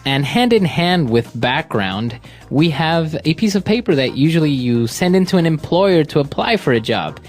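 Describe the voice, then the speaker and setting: A man from Ecuador co-hosting an English lesson podcast, explaining vocabulary calmly and steadily. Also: on the high side, normal speed. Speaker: co-host.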